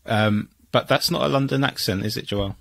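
A man's voice: mid-range voice, moderate pace, gravelly, a bit bright, a little hiss or hum. A man hosting a podcast, asking a guest curious, welcoming questions into a studio mic at home. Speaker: podcast host. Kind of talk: interviewing a guest. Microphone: studio mic on arm.

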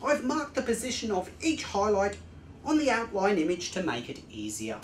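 Lively male painting instructor, roomy studio. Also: high voice, normal speed, heavy background noise. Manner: lively, explanatory, enthusiastic about technique. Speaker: art instructor. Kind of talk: painting tutorial narration. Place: indoor art studio with easel.

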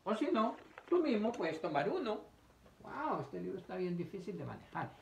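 A man's voice: high-pitched, very animated, normal speed, gravelly, slight background noise. A man teaching young children, reading a picture book aloud, asking them questions and acting out sneezes and coughs.

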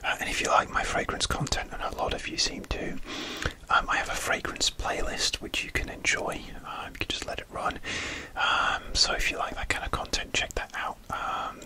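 A man speaking in a steady unvoiced whisper, rambling with many fillers and restarts as he hosts his ASMR video. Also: moderate pace. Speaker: ASMR creator.

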